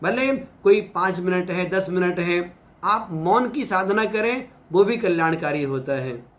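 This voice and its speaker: A man giving a devotional sermon as a pandit, speaking in a slow, measured, preacherly way with stressed pauses. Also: sits high, expressive, fairly bright tone. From India. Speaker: pandit giving a religious discourse.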